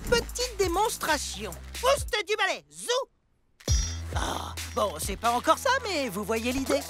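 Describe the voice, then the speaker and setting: A woman voicing an earnest, excitable and bookish young boy in a cartoon dub. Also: sits high, measured pace, music in the background. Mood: earnest, fussy.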